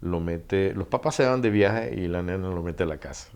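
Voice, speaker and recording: Speaking smoothly at a moderate pace, this middle-aged male author guest has a low voice and a Panamanian Spanish accent. In a relaxed interview he tells lively stories, performing the dialogue and laughing a lot.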